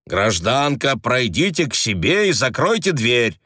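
Narrator playing a mocking, commanding police agent in an audiobook, dry close sound. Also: male voice, mid-range voice, very animated, unhurried, sharp tone, dry recording, voice pushed up, exaggerated voice. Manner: brusque, commanding, sarcastic. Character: gruff, mocking male secret police agent.

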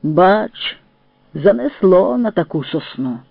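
A scolding, grumbling male paratrooper, put on by a man reading a story aloud. The voice sits high and pushes loud as he complains. The recording is thin and phone-like, with a dry sound. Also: big pitch swings, moderate pace, no room sound.

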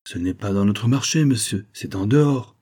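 A sly scheming valet with a low, husky voice, as a male reader puts him on. He drops knowing half-hints and keeps his real thoughts to himself. The tone is dark and mellow. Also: expressive, moderate pace. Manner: knowing, evasive.

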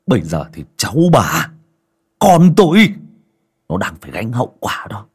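A man voicing a grieving young father who speaks harshly and shouts in anger. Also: on the low side, wildly swooping pitch, moderate pace, husky, heavily acted. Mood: furious.

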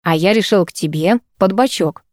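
A woman's voice: moderate pace, dry recording, studio quality, natural voice. A woman voicing a drunk, leering young man. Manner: slurred, low, coaxing.

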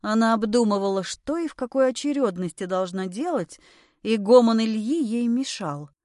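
A woman reading a novel aloud as audiobook narrator, in a measured, even way. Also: fairly high pitch, no room sound, studio quality. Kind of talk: scripted narration.

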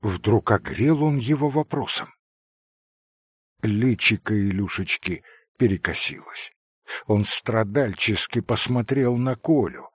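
A man narrating a classic novel as an audiobook, measured and expressive. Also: fairly low pitch, breathy edge, dry recording, clean studio sound.

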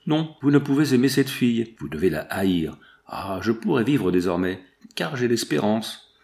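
A man's voice: mid-range voice, sing-song, normal speed, vocal fry, a little mellow. A man reading the part of a passionate young woman in love, pleading and emotional. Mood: triumphant.

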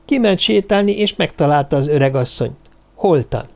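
A small, timid woman from a traveling circus speaks earnestly and deferentially, with a raised, lively voice, as a male narrator puts her on. She politely answers an interrogation in an audiobook. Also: fairly high pitch, vocal fry, pitched above the performer's own voice. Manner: earnest and deferential, says "uram" often.

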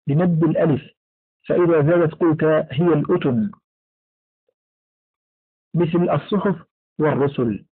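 A man reading a classical text aloud in a formal, measured way, with careful enunciation and recited verse lines. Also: fairly high pitch, husky. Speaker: audiobook reader. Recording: narrow phone-like lo-fi sound.

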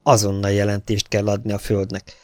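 A man reading the part of a calm, commanding spaceship captain in an audiobook. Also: lowish voice, no room sound, studio quality, lightly acted.

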